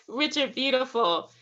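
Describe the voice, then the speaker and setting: A woman's voice: high voice, pushed and bright. A woman leading an online writing workshop, encouraging, repeating phrases and laughing often. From Alabama, US South. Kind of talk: guided online workshop teaching. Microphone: video call.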